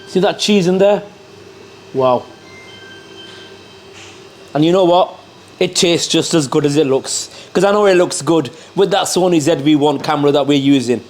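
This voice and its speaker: Higher-voiced man reviewing food. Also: brisk, a little mellow. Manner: repeats catchphrases and addresses the cameraman. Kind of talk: casual food review to camera. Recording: clear background noise.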